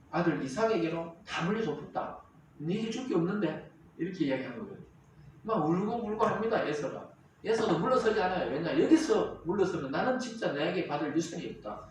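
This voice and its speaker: A male pastor preaching a Sunday sermon with lively call-and-response, reading scripture aloud to the congregation and explaining it. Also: a little high, quick pace, slight background noise. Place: church sanctuary. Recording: roomy church hall, mic at a distance.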